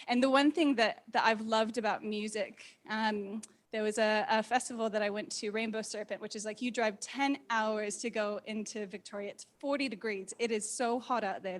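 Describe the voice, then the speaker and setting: Her pitch is medium and her speed normal as this woman in her thirties tells personal stories, informal, animated and open, to a live meetup crowd, performing the thoughts she quotes. She has a mixed accent that's tough to place, neither plainly American, New Zealand nor Australian.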